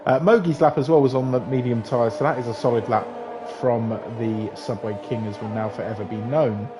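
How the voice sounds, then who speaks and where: A man's voice: mid-range voice, steady tone, fairly quick, very noisy. A man with a London accent commentating on a live sim-racing league, chatty and joking with his co-host. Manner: chatty, jokey banter with co-host. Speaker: race commentator.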